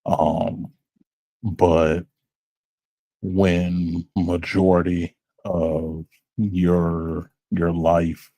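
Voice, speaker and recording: A man co-hosting a podcast, speaking in a halting, reflective way with many fillers, in a small dry room. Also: low voice, flat delivery, creaky, mellow, no room sound. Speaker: podcast co-host. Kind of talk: casual chat.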